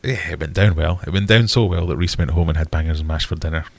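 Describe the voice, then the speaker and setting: Middle-aged British man, low-pitched and stuffed-up nose, blunt and wry livestream host, loose conversational delivery. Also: fast, creaky. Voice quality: bunged-up, congested nasal voice. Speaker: livestream host answering viewer questions. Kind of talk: casual livestream chat.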